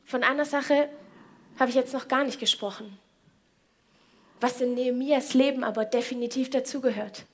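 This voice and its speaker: A woman's voice: high-pitched, fairly even intonation, normal speed, long pauses. A woman giving a casual Bible devotional in colloquial speech, often turning to the listener with direct questions.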